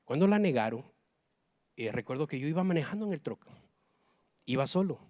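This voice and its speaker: A middle-aged man from Guatemala, giving an emotional personal testimony in church that swings between hushed and loud. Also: on the high side, animated, fairly quick.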